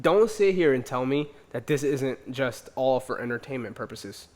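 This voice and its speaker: A man's voice: mid-range voice, animated, normal speed, a little mellow, long reverb tail. A young man co-hosting a casual sports podcast, emphatic and argumentative, repeating lines for effect. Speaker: podcast co-host.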